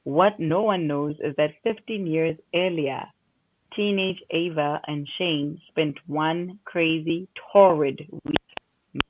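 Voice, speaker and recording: A woman's voice: low-pitched, slow pace. A South African woman reading a book blurb aloud over a call whose audio keeps jumping, so her volume rises and drops unevenly. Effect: choppy audio with uneven, dropping volume. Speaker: booktuber on a live reading sprint. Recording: tinny, dry phone-like line.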